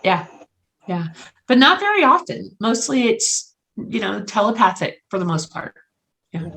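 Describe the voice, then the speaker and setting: Middle-aged woman telling lively stories. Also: medium pitch, unhurried, gravelly, a little hiss or hum. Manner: lively anecdotal storyteller, acts out dialogue. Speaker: psychic medium guest. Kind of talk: casual storytelling chat.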